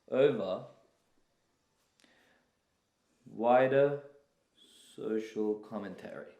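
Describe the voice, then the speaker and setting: Young man tutoring in an echoey room. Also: mid-range voice. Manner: relaxed, chatty, many fillers and restarts. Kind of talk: casual tutorial.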